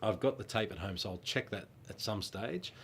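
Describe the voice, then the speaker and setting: His voice sits fairly low with a fairly bright tone, at normal speed, over a little hiss or hum. This middle-aged Australian, a former children's band singer congested from a cold, chats through fan questions in a warm, meandering manner with frequent ums.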